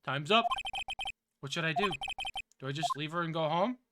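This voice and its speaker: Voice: mid-range voice, lively intonation, normal speed, very noisy, pitched below the performer's own voice, lightly acted. A performer voicing an earnest young male defense lawyer in a video game, emphatic and theatrical, determined yet easily flustered. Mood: brooding. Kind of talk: dramatic video game read-aloud with character voices.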